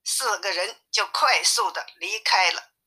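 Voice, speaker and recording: A woman reading a classic story aloud in a lively manner, shifting her voice for each character. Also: mid-range voice, a little slow, breathy edge. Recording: tinny phone-like sound.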